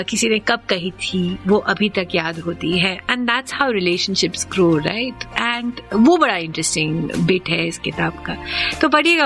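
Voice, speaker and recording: A woman's voice: medium pitch, fairly bright tone. A woman radio host with an Indian accent, giving an opinionated, chatty book review and switching freely between Hindi and English. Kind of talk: casual book review chat.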